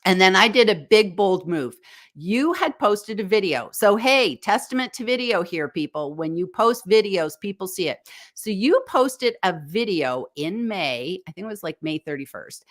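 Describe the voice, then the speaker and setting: A woman's voice: mid-range voice, lively intonation, moderate pace. An American woman, a guest on a live chat show, telling stories in a chatty, upbeat way. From United States. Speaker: guest, live stream coach. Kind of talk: casual interview chat.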